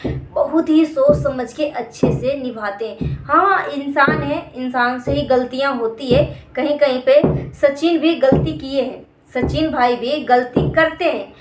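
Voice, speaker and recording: Vlogger woman, high voice, casual chatty commentary, roomy echo. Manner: chatty, repeats phrases, frequent "uh" fillers. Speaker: vlogger commenting on other creators.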